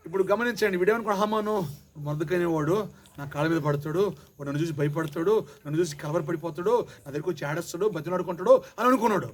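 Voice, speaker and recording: A man preaching a sermon as pastor, repeating his lines and calling on the congregation to answer loudly. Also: sits high. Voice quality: calls for loud amens and repeats. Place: church hall with congregation. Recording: loud congregation noise. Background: congregation responding.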